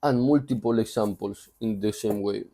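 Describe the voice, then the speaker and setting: This Spanish man, a book reviewer, gives a loose, conversational book summary packed with asides. His voice is fairly low, gravelly and warm, at a normal speed.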